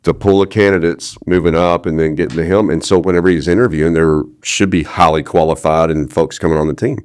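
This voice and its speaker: A man with a very low voice co-hosts a small-business podcast. He talks with enthusiasm, often restarting and circling his words before landing the point. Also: fairly even intonation, fast talker, a little mellow, clean tone. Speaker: co-host. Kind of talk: casual chat.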